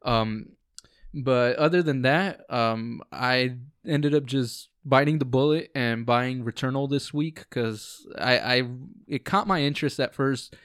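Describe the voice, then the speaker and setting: A man's voice: medium pitch, measured pace, fairly bright tone, smooth, dry recording, clean studio sound. A man hosting a casual podcast chat at home with friends, easygoing and rambling, with lots of ums. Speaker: podcast host.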